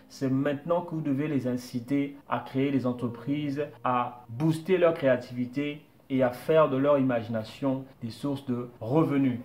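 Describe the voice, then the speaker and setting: A man's voice: medium pitch, a little mellow. A man coaching viewers on starting a business, explaining step by step and repeating his points. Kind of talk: motivational talk to camera.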